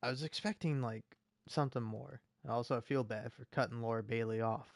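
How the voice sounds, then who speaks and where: A man's voice: mid-range voice, steady tone, brisk, vocal fry, no echo, studio quality. A man hosting a let's-play, chatting casually and reading game dialogue aloud. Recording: game music behind the voice.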